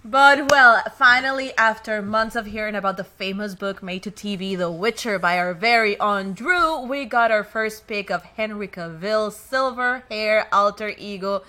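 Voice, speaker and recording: A woman hosting a podcast and chatting casually among friends, lively and emphatic. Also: medium pitch, normal speed, hardly any pauses, slight background noise. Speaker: podcast host.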